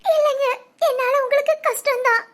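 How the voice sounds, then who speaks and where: A woman's voice: very high-pitched, steady tone, normal speed. A woman voicing a tearful young pregnant bride in a dubbed cartoon drama, stammering through sobbing apologies.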